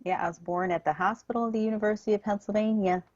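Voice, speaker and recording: A woman's voice: medium pitch, steady tone, very fast, no echo, highs cut off. A woman in her fifties, raised in New York, co-hosting a radio talk show in a wry, chatty way. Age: 50s. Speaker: radio co-host. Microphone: studio microphone.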